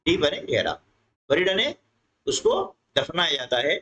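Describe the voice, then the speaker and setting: A man teaching an English textbook lesson to students, reading English lines slowly and then explaining them quickly, with frequent tag questions. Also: fairly high pitch, huge pitch swings, fairly bright tone, muffled recording.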